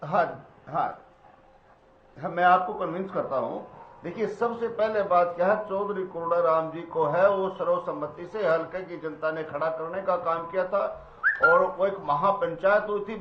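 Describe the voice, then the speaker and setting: A man from Haryana speaking as a party panelist in a political debate, formal and deliberate as he lists his points, his remote line full of cave-like echo and doubling. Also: sits high, slight background noise. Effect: heavy cave-like echo and doubling on his remote audio line. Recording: echoey, muffled remote audio feed.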